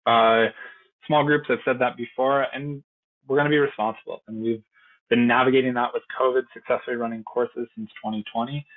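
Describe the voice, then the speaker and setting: A man's voice: mid-range voice, level tone, a little fast. A man working as a program instructor, giving an earnest, conversational informational presentation. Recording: tinny phone-like audio.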